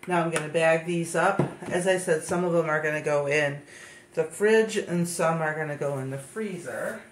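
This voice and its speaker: In a casual home kitchen demo, a vlogger chops food and bags it, talking in a low, congested voice caused by a stuffy nose. She thinks aloud in a chatty way, using laid-back ums to fill pauses. Echo rings through the room over a steady layer of background noise.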